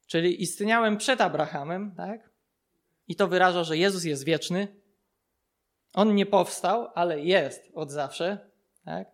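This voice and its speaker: A man giving an informal Bible lesson, explaining step by step, often checking in with his listeners and laughing softly. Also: high voice. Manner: explanatory, frequent checking tags and soft laughs. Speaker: Bible teacher.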